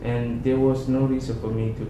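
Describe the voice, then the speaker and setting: A man's voice: medium pitch, flat delivery, moderate pace. A young man from Somalia answering interview questions casually, with hesitant speech and frequent restarts. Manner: hesitant, many restarts and fillers. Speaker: interview guest, MBA student. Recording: echoey room with background noise.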